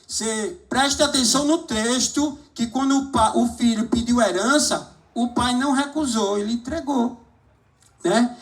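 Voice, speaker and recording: A man's voice: very high-pitched, unhurried. A man preaching a sermon, exhorting the congregation and calling for amens. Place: church service hall.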